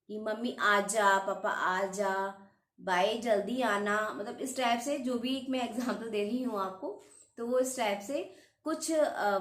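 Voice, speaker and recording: Higher-voiced woman teacher in an echoey room. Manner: repetitive, listing phrases in a steady cadence; mixes English terms into her speech. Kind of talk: explanatory lecture.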